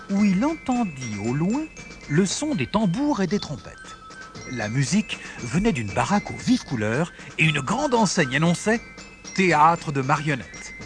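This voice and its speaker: A man reading a children's storybook aloud as narrator, in an expressive, animated way. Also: on the high side.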